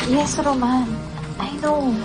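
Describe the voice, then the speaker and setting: A woman's voice: high-pitched, level tone, takes it slowly, music in the background. A woman playing a hesitant, stammering young mistress in a radio drama.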